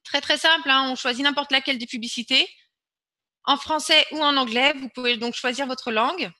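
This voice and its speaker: A woman's voice: high voice, fairly quick, bright, forceful tone, dry recording. A woman presenting an online webinar and walking viewers through a screen-share demo, urging them on and repeating words for emphasis.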